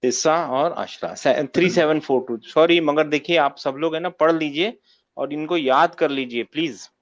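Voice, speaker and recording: A man's voice: on the high side, normal speed. A man teaching an online grammar class, often asking his students to confirm they follow. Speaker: Arabic teacher. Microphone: video call. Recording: muffled lo-fi call audio.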